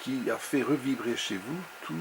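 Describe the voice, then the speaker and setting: A man interviews an author, speaking in a measured and admiring tone. His voice is gravelly, and a clear noisy background runs under the recording. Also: medium pitch. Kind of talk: interview conversation.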